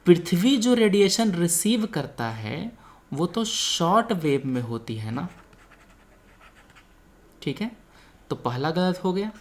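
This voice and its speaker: Speaking slowly in a high, sing-song voice and pausing often, a man gives an explanatory exam coaching lecture with quiz questions. His manner is didactic; he mixes English technical terms into Hindi and keeps checking that students follow.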